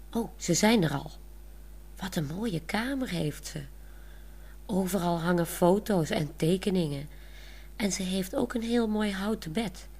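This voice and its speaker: A woman narrating a storybook in a plain, clear reading style. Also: on the low side, darkish tone.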